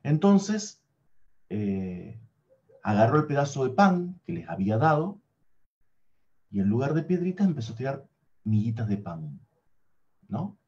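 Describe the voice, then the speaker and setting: A man tells a fairy tale aloud with great animation and adds little sound effects. His pitch is middling but swings widely, and the recording is dull and lo-fi. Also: very animated, a little slow, pauses often, a little mellow. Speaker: storyteller.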